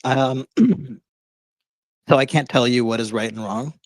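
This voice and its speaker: A man's voice: mid-range voice, unhurried, no echo, rough recording. A man debating casually on a call-in show, hesitant and often searching for words or correcting himself.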